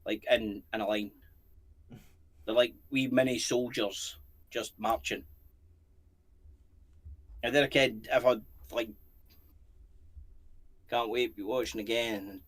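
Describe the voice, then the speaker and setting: A man's voice: medium pitch, fairly even intonation, takes it slowly, pauses often, fairly bright tone. A Scottish man co-hosting a paranormal channel, chatting casually in a rambling, jokey way and swearing freely. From Scotland. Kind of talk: casual chat.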